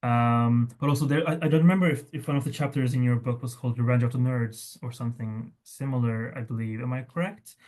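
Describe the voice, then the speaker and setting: A man's voice: medium pitch, steady tone, fast talker, few pauses, a little mellow. A man chairing an academic discussion, asking questions in a casual, chatty way. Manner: casual, chatty, laughs between lines.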